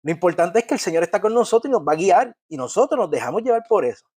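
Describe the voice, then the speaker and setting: A man's voice: sits high, very animated, very fast, darkish tone, husky, no echo. A middle-aged man giving a conversational church talk on family life, earnest, often restarting words and checking in with his listeners. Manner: earnest, repeats and restarts words, asks "¿ves?".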